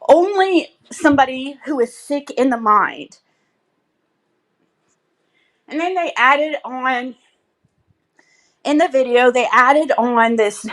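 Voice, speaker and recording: A woman's voice: high-pitched, a bit bright. A woman chatting casually and bluntly to viewers on a livestream, rambling in a gossipy, sweary way.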